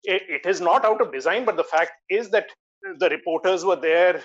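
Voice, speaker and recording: A man's voice: high voice, moderate pace, fairly bright tone. An Indian-accented man speaking emphatically as a guest in an earnest panel discussion, repeating phrases for stress. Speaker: magazine editor, guest. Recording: dull, lo-fi voice link.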